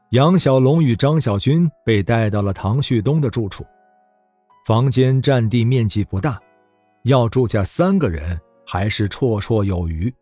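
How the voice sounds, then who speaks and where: A man reads a fantasy novel aloud with expressive, animated storytelling. His mid-pitched voice sounds dry and close to the mic, with soft music underneath. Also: dry recording. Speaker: audiobook narrator. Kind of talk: web novel audiobook narration.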